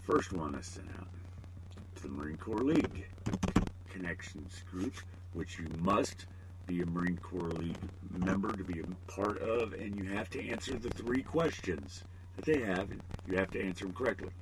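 A man's voice: low-pitched, moderate pace, rough recording. A middle-aged man hosting a podcast alone, rambling with joking, self-deprecating asides. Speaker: podcast host. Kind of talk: casual solo podcast monologue.

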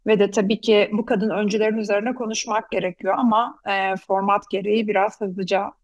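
A woman hosting a talk programme, presenting and explaining, pausing now and then to find her words. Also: medium pitch, level tone, no room sound, highs cut off. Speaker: host. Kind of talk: semi-scripted programme presenting.

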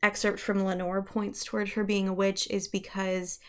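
A woman's voice: mid-range voice, little pitch movement, normal speed. A young woman co-hosting a podcast, chatting casually through ghost stories with lots of fillers and self-corrections. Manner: chatty, many fillers and restarts, laughs at herself. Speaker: podcast co-host.

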